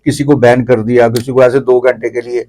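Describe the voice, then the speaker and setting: A middle-aged Pakistani man with a mellow, level, mid-range voice appears as an interview guest commenting on theatre. He shares his opinions at length, explaining in detail and repeating phrases the way people do in conversation.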